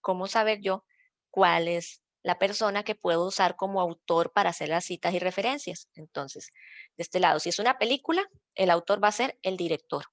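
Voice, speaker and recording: A woman's voice: fairly low pitch, moderate pace, no room sound. A woman from Rica, a librarian patiently explaining citation rules step by step in an online workshop. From Costa Rica. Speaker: librarian teaching citation style.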